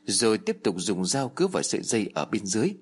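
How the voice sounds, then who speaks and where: Male storyteller, husky, very lively pitch, dramatic horror narration. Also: quick pace. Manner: acts out the characters' shouts and pleas with raised pitch.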